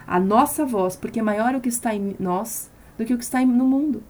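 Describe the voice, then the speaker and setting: A woman's voice: fairly high pitch, fairly quick, a little mellow. A woman preaching a sermon on a live stream, impassioned and emphatic, repeating phrases for stress.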